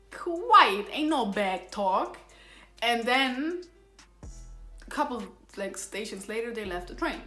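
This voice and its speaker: A young woman telling a storytime vlog story, animated, saying "like" a lot and getting loud when annoyed. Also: medium pitch. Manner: animated, heavy use of "like", voice rising when angry. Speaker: vlogger. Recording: echoey room with faint music.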